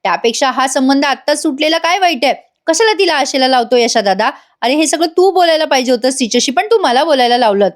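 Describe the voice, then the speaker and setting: A woman reading the lines of a blunt, hot-tempered young village man who scolds loudly. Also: high-pitched, expressive, quick pace, hardly any pauses. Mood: scolding. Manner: shouting, scolding.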